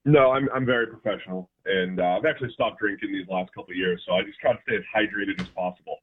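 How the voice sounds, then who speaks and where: A man calling in as a guest football analyst, talking in a relaxed way with many fillers. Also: on the low side, quick pace, a little hiss or hum. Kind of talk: phone-in interview. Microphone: phone. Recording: tinny phone line.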